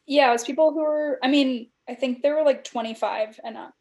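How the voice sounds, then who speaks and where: Woman in her thirties, fairly high and mellow, reflective journal reading with lots of "like" fillers. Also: a little fast. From California. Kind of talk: casual chat, reading aloud from old journals.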